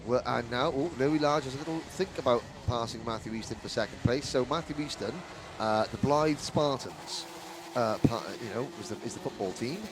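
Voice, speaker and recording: A man's voice: medium pitch, normal speed. A man commentating live on motorsport, with chatty, jokey, rambling asides. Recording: outdoor trackside with clear engine noise.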